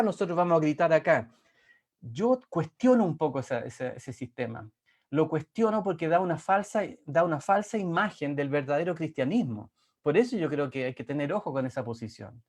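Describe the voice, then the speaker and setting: A man's voice: fairly high pitch, a little mellow. A man preaching a sermon as pastor, who repeats words for emphasis and reads scripture aloud. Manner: repeats words for emphasis, rising and slowing on key phrases.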